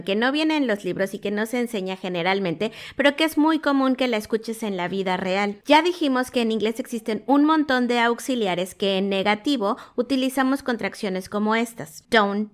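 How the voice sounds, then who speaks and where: A woman teaching English in Spanish, explaining grammar rules clearly and reading example sentences aloud. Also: mid-range voice. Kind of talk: scripted online lesson.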